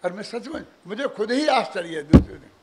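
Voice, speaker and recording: An older man giving a religious discourse, animated, full of rhetorical questions and chuckling asides. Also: sits high, a little fast, heavy background noise. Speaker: preacher.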